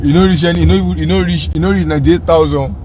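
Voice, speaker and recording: Nigerian Pidgin-speaking man, loud road noise. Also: on the high side, steady tone, rapid-fire. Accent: Nigerian, Edo State. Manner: pleading, repetitive, emphatic. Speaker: roving vlogger. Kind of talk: casual running commentary with appeals to the public.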